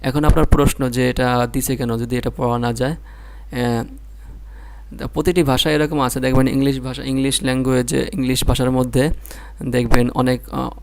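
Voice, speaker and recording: A man's voice: mid-range voice, little pitch movement, normal speed, gravelly, long pauses. A man with a Bangladeshi Bengali accent teaching Quran reading, spelling out syllables one by one and repeating them patiently. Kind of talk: slow spelled-out recitation lesson.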